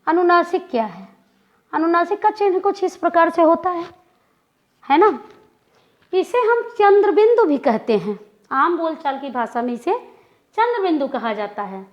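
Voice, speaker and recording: High-voiced woman teaching grammar, slow and careful, says example words over and over, muffled lo-fi sound. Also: sing-song. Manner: slow, deliberate, repeats and demonstrates pronunciations. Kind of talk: classroom-style lecture.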